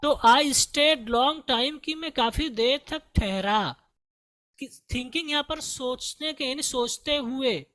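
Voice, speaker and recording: An Indian-accented man teaching a class, going through an English text one line at a time. He talks at an unhurried pace and drags out each quoted sentence word by word before he explains it with patience. The recording is dry and close, with no room sound. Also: extremely high pitch, pushed and bright, dry recording.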